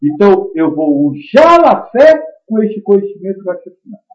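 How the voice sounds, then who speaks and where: A man giving a spiritist teaching talk, emphatic and swinging between loud stresses and quiet asides. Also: high-pitched, sing-song, normal speed. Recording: dull lo-fi recording.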